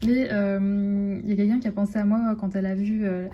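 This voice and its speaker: A woman's voice: medium pitch, flat delivery, brisk, highs cut off. A young woman with a French accent chatting casually to her phone camera at home, rambling with lots of fillers and restarts. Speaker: vlogger. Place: at home indoors.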